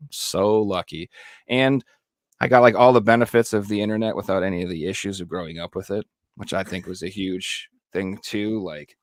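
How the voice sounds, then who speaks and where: Low-voiced man in casual, slangy chat. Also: no echo, studio quality. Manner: informal, slangy.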